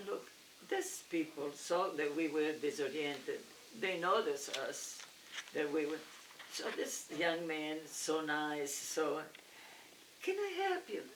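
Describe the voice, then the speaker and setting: An older woman from Italy with an Italian accent, telling family stories in casual chat, animated and halting, laughing often. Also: deep voice. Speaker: family storyteller. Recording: roomy, distant, faint noise.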